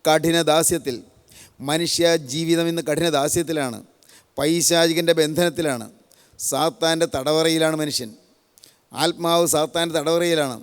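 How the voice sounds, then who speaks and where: A man's voice: a little high, steady tone, a little slow, clear, resonant tone. An older man from Kerala preaching a sermon, solemn and repetitive, stacking one parallel phrase after another. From Kerala, India. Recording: long hall reverb.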